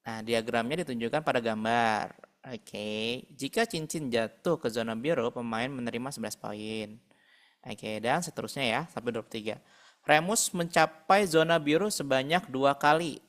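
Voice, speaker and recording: A man's voice: medium pitch, normal speed, a bit bright. A man tutoring a math class over a video call, patiently working through problems aloud. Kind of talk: online math lesson.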